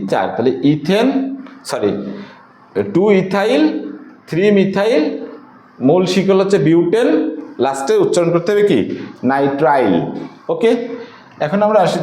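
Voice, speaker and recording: A man's voice: on the high side, sing-song, moderate pace, pauses often, warm tone. A man. He asks the class questions and then answers them. The room has a noticeable echo. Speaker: chemistry teacher. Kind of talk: whiteboard lecture. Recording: echoey room.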